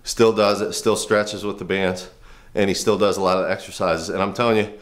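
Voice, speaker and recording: Deep-voiced man explaining band training. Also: fairly even intonation, brisk. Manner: earnest, rambling explanations with restarts. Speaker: firefighter and trainer. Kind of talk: casual instructional demo. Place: home garage gym.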